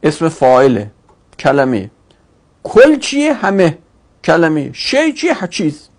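Gravelly, husky teacher with a lot of pitch movement, runs a class by quizzing and answering, repeats key words slowly. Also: huge pitch swings. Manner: asks questions and answers them himself; repeats terms slowly for emphasis. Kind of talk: classroom grammar lesson.

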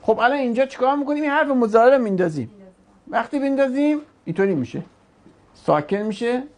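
A woman's voice: on the high side, expressive, a little mellow. A woman teaching an Arabic grammar class, patiently explaining step by step with examples. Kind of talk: online class, explaining verb conjugation.

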